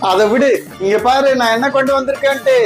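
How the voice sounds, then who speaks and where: Woman playing a boastful cheery dad, high voice, faint music bed. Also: quick pace, natural voice. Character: cheerful husband, father bringing home a monkey. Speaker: father. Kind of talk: comedy skit dialogue.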